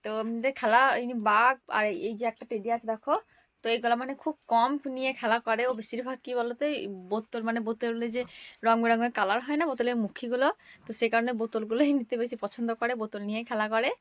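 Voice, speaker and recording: A young woman from Bengal chats quickly through her daily vlog and speaks straight to her viewers as friends. Her voice is bright and fairly high. She fills the gaps with little fillers as she goes. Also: little pitch movement, no room sound. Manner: chatty, addresses viewers as friends, frequent fillers. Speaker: vlogger. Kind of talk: casual daily vlog narration.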